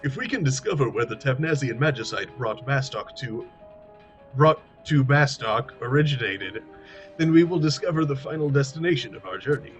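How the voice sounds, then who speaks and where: A man's voice: medium pitch, animated, moderate pace, highs cut off, faint music behind, lightly acted. A man voicing a courteous, melancholy knight adventurer in a formal way. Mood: grave.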